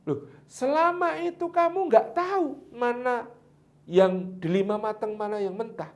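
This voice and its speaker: A man's voice: sits high, very animated, fairly quick, gravelly, exaggerated voice. A man voicing a wealthy orchard owner who questions his servant and frets over his daughter's suitors. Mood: incredulous. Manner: incredulous questioning, then quiet worry. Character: wealthy male orchard owner, a puzzled master.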